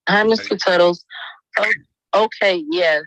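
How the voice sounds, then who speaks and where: A woman's voice: on the low side, measured pace, a bit bright, dry recording, muffled recording. A woman, a defendant, heard through a phone on speakerphone, giving brief, agreeable replies. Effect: heard over a phone on speakerphone.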